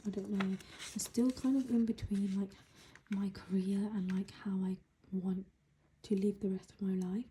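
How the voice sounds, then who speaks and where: Quiet night-time voice, British woman, breathy near-whisper, very muted tone, casual vlog chat, faint clicks and noise behind. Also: medium pitch. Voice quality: soft, breathy, largely whispered. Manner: hushed, quiet early-morning voice so as not to wake others. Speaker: budgeting vlogger. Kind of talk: casual chat while counting cash. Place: indoors at home.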